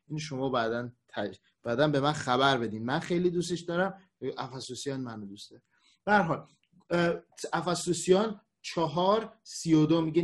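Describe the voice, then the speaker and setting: A male pastor giving a conversational online sermon, acting out the voices of people he quotes. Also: fairly high pitch. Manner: lively, acts out quoted voices.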